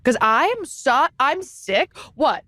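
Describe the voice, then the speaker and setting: Animated, playful woman co-host. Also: high voice, slow pace, no echo. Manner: animated, playful, jumps into bits and voices. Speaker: podcast co-host. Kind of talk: casual chat.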